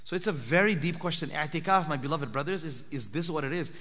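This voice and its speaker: A man's slightly high voice comes across pushed and bright as he talks at a quick pace. He is an Islamic teacher giving an earnest i'tikaf talk at a spiritual retreat, questioning the audience directly. The sound is drenched in long hall reverb.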